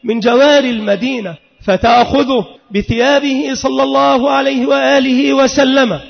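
A man preaching a sermon in an emphatic, rhythmic style that rises into sung and shouted passages. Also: very high-pitched, creaky. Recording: long hall reverb, dull lo-fi sound.

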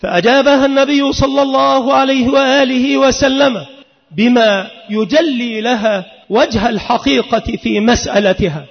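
A man preaching a sermon in an emphatic, rhythmic style that rises into sung and shouted passages. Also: very high-pitched, fairly even intonation, moderate pace, vocal fry. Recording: long hall reverb, dull lo-fi sound.

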